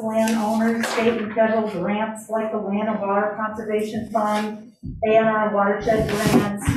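At a town meeting, a woman reads prepared public comments with some hesitations while standing at a floor mic in a large room. Her voice is on the high side with a darkish tone, sounding distant and echoey, with a little hiss or hum.

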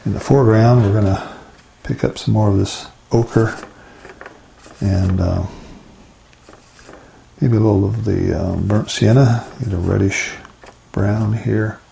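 An older man, a gentle painting instructor, talking in a low-key, musing way as he demonstrates watercolour step by step. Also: creaky, a little hiss or hum, rough recording. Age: 60s or older. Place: indoors at a painting easel.

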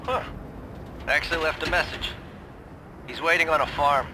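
A man's voice: fairly high pitch, normal speed, noisy background, pitched above the performer's own voice, lightly acted. Man doing a grudging weary old friend. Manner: grudging, clipped. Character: gruff male old friend, weary and reluctant. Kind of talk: audiobook narration.

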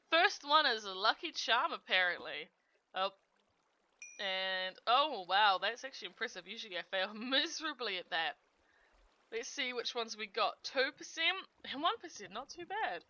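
A woman's voice: medium pitch, pushed and bright, muffled recording. A woman giving chatty let's play commentary on her gameplay, giggling often and narrating each click. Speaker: gaming channel host.

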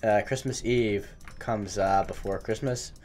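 A man's voice: lowish voice, fairly even intonation, measured pace, darkish tone. A man giving casual, rambling gaming commentary while he builds, stumbling over his words and cursing mildly at his own mistakes. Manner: self-mocking, chatty. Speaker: gaming channel host. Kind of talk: live Minecraft building commentary.

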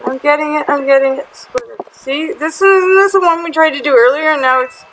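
A woman hosting a casual gaming video, chatty and excitable, often exasperated with other players. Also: sits high, fairly quick, a little hiss or hum, rough recording. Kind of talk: casual gameplay commentary.

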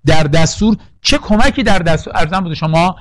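A man's voice: sits high, expressive, dry recording. A man teaching a poetry lesson for exam prep, drilling lists and quizzing the class with questions. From Iran. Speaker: literature teacher.

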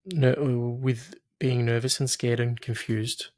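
A man in his thirties with a medium-pitched voice, recorded dry. He guides a client as a therapist, asking patient questions and offering steady reassurance. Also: slow, no room sound. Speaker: hypnotherapist, coach. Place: small room, video call.

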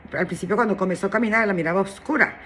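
A woman gently telling a spiritual story in casual talk, often adding "¿verdad?". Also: medium pitch, racing, a little hiss or hum. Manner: gentle and tender, with many "¿verdad?" tags and restarts.

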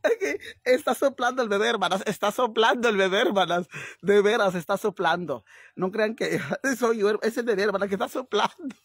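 Man doing a fretful pregnant girl, whiny sighing drawl, husky tone, dry close sound. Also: high voice, normal speed, a bit bright, dry recording, heavily acted. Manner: whiny, sighing, keeps repeating "ay, hermanas". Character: crude, fretful young woman who thinks she's pregnant. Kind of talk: comedic vlog skit.

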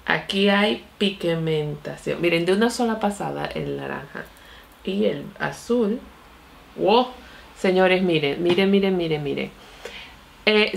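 A young beauty vlogger chats excitedly as she tries out new makeup at her vanity. Her voice sits on the low side and is gravelly with vocal fry. She keeps calling out to her viewers as she talks. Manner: chatty and excitable, often says "mi amor" and "señores". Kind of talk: casual makeup review and tutorial.

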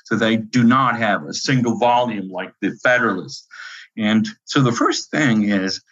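A lower-voiced man with an Italian accent, explaining history like a professor. He talks animatedly, full of restarts and pauses. His audio is muffled and lo-fi, like a remote call. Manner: animated lecturing, many fillers and restarts. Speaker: university professor guest. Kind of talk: interview answers.

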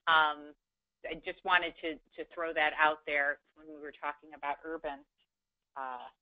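A woman's voice: mid-range voice, dry recording. A woman moderates a webinar in an easy, chatty way, dotting her questions with ums. Her voice is dry and close, coming through a muffled, lo-fi call line. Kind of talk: conversational webinar hosting. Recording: dull, muffled web call audio.

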